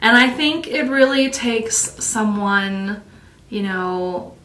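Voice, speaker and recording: A woman hosting a casual chat about her favorite songs, effusive and quick to sing a line. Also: medium pitch, expressive, fairly bright tone, echoey room, a little hiss or hum. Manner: effusive, sings snippets of lyrics. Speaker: host.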